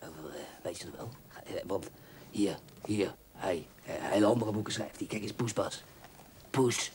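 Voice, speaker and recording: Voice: deep voice, moderate pace, darkish tone, slight background noise, lightly acted. A performer playing a pushy, overfamiliar book fan in a film comedy sketch, nudging with constant asides and sly whispers. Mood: leering. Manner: insistent, keeps nudging with "hè?" and drops into sly whispers.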